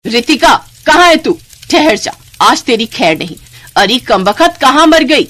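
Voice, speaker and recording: A woman voicing a harsh, bossy middle-aged sister-in-law in an animated storybook, scolding loudly. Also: fast, no echo, close to an everyday voice. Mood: furious. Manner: scolding, shrill and loud.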